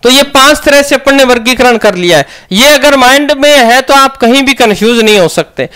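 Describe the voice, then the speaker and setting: A man's voice: very high-pitched, animated, normal speed, sharp tone, clear, resonant tone. A man teaching a grammar lesson, asking questions and answering them himself.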